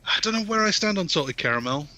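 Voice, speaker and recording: A man co-hosting a wrestling podcast, chatting casually and laughing often in a relaxed, bantering way. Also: high voice, fast, soft background music. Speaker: podcast co-host. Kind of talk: casual chat reviewing wrestling results.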